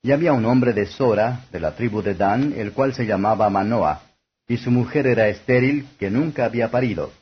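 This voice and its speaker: A man reading scripture aloud as formal, scripted audiobook narration, with a husky voice. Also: mid-range voice, moderate pace. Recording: dull lo-fi audio.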